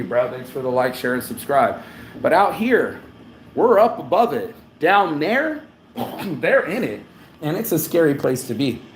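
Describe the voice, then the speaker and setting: A New Orleans vlogger with a fairly high voice rambles through a blunt, profane live travel update in a hotel room. There's a little hiss or hum, and the room sounds echoey with faint ambience.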